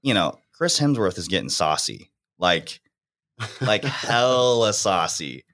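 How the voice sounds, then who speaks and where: A man's voice: lowish voice, big pitch swings, slow pace, fairly bright tone. A young man hosting a fitness podcast in casual, slangy chat, laughing often. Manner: laid-back, laughing, slangy.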